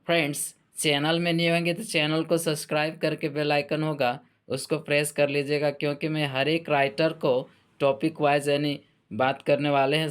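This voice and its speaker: A man teaching exam students, going slowly and repeating and correcting names as he goes. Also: fairly high pitch, smooth. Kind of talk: lecture to students.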